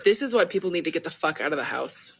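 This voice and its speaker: A woman's voice: on the low side, lively intonation, fast talker, vocal fry, a little hiss or hum. A woman ranting to camera in a heated, profane, lecturing tone. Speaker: social media commentator. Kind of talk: angry direct-to-camera rant.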